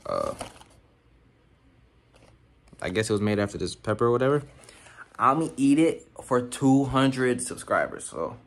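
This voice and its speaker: A man's voice: mid-range voice, wildly swooping pitch, a little slow, vocal fry, pauses often. A young American man chatting casually for a vlog in slangy, offhand speech, often saying bro and man. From Texas, United States. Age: young adult. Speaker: vlogger. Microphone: phone at arm's length. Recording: noisy handheld phone recording, vehicle and outdoor noise.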